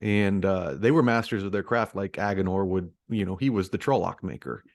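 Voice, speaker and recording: A man co-hosting a podcast, telling a story in a relaxed, casual way with restarts and fillers. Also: low-pitched, brisk, dry recording, clean studio sound. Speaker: podcast co-host. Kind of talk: casual chat.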